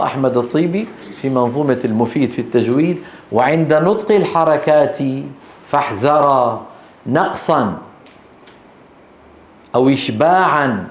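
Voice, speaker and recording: A man teaching Quran recitation to a class. He keeps asking his listeners questions, answers them himself, and slowly draws out the verses he recites as examples. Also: on the high side, a little mellow. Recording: echoey room.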